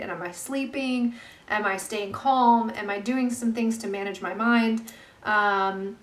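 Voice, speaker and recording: A woman giving an earnest, gentle self-help talk to camera, with many pauses and fillers. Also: a little high, distant mic. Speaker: vlogger and life coach. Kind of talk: reflective self-help monologue. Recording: echoey room, voice off-mic.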